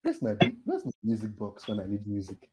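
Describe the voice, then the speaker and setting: A man's voice: lowish voice, wildly swooping pitch, brisk, dark tone, slightly rough, poor audio. A man hosting a live online quiz for a training cohort over a video call, teasing the players and laughing often.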